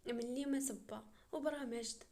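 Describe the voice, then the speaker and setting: A woman with a Moroccan accent voicing a gruff older father-in-law who answers curtly and mockingly. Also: a little high, fairly even intonation, moderate pace, darkish tone. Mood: amused. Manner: curt, mocking.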